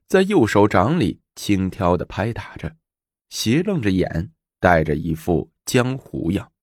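A male storyteller with a low, husky voice narrating a storybook tale. He reads slowly with lively swings of pitch. The sound is dry and close. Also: no room sound. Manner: measured, expressive.

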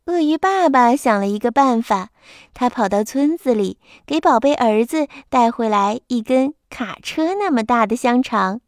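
Woman bedtime-story reader, somewhat high voice, gentle with kids, very dry close mic. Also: animated, normal speed, no echo. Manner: gentle, addressing children. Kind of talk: bedtime picture-book reading.

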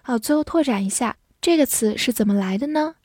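A woman teaching English vocabulary in a clear, patient way, spelling out words and reading model sentences slowly. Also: fairly high pitch, expressive, warm tone, no echo, clean studio sound. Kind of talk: vocabulary lesson.

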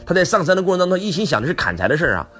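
A man's voice: sits high, sing-song, very fast, fairly bright tone, soft background music. A man giving a motivational lecture who keeps asking the audience rhetorical questions.

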